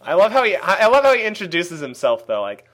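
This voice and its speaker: A man's voice: high voice, sing-song, fast, a bit bright. A man hosting a casual podcast, joking and laughing with his co-host.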